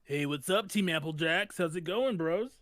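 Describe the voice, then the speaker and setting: A man's voice: fairly high pitch, moderate pace, fairly bright tone, close to an everyday voice. A laid-back young surfer-bro wizard, as a man puts him on, drawling slang like nothing could ever bother him. He sounds a bit distant from the mic in this tabletop game. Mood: chill.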